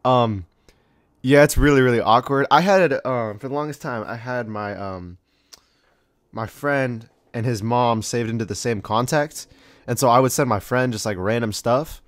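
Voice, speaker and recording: A man's voice: mid-range voice, normal speed, dry recording. Slangy young man in a dry room. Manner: slangy, rambling, with many fillers and mock-quoted voices. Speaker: video host. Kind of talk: casual countdown commentary.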